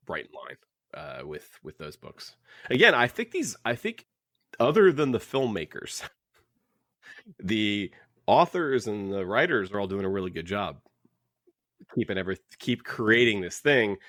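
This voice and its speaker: Speaking low with a fairly bright tone, a man co-hosts a casual book podcast discussion, opinionated and repeatedly revisiting his phrases. The recording is dry and studio-quality.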